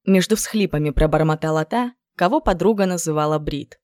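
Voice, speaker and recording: A woman with a lowish voice narrates a novel, reading evenly and expressively. The recording is close and dry. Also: fairly quick, a little mellow, no echo. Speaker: audiobook narrator. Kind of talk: scripted narration.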